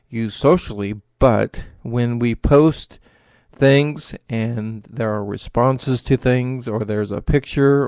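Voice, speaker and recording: Gravelly, earnest middle-aged man hosting. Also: mid-range voice, a little mellow, no room sound. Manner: earnest, halting, many filler sounds. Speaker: internet radio show host. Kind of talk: solo talk-show monologue.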